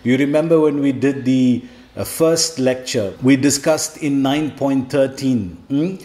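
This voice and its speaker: A man's voice: medium pitch, unhurried, warm tone. A man teaching a scripture lesson as a devotional lecture, explaining step by step, posing rhetorical questions and checking in with a questioning "hmm?". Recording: echoey room.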